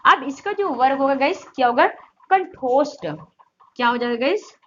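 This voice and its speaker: A woman's voice: sits high, animated, a bit bright, highs cut off, a little hiss or hum. A woman teaching Hindi grammar for competitive exams. She keeps asking her students questions, answers them herself, and draws out the vowel sounds to show how they are made. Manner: repetitive call-and-response questioning; drawn-out demonstration of vowel sounds. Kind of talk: exam-prep grammar lesson.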